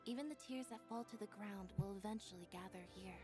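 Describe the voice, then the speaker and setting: A woman voicing a calm young sister in a video game who speaks matter-of-factly. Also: mid-range voice, fast, natural voice. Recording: game audio over clear music.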